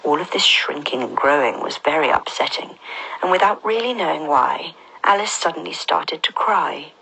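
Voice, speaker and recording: A woman's voice: deep voice, lively intonation, moderate pace, vocal fry, noisy background. Woman narrating a storybook in a whisper. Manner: soft, half-whispered and gentle.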